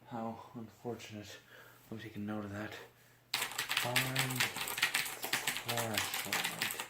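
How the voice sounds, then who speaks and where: A man doing a gentle ASMR roleplay as a mock examiner, soft-spoken, slipping into whispers and giving slow, reassuring praise. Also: fairly low pitch, steady tone, heavy background noise.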